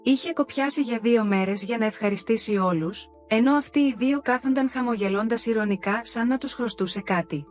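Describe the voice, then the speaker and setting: A woman narrating a story in a steady, even storytelling manner. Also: on the high side, faint music behind.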